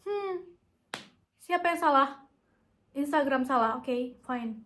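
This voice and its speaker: High-voiced young woman giving chatty pep talks. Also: expressive, takes it slowly, fairly bright tone. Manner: coaxing, chatty, repeats herself for emphasis. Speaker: self-help vlogger. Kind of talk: motivational talk to camera.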